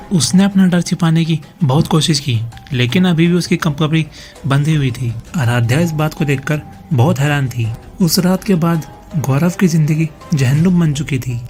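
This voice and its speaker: A man narrates a scripted horror story with a steady, dramatic delivery. His voice sits a little high for a man yet sounds mellow and dark, with faint music playing beneath.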